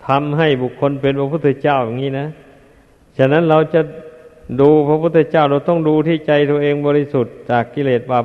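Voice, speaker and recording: Older monk preaching, tinny and echoey. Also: male voice, fairly high pitch. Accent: Northeastern Thai. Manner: measured, admonishing, many pauses with filler sounds. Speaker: Buddhist monk teacher. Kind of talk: Dharma sermon to disciples. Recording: tinny, echoey hall recording.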